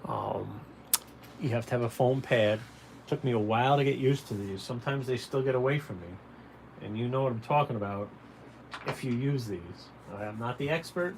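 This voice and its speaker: A caricature artist hosts a drawing livestream, giving a casual, folksy tutorial and speaking directly and encouragingly to viewers. His mid-range voice is a little mellow and moves at a moderate pace, and noisy room ambience is clearly audible.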